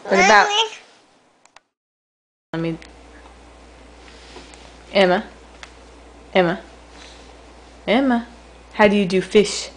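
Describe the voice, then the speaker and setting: A young mother at home, speaking slowly and patiently to her toddler. Her pitch rises and falls in a lively sing-song as she repeats short questions and praise. The style is a home video of a parent coaching a small child. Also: vocal fry, noisy background. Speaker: mother teaching her toddler baby sign language.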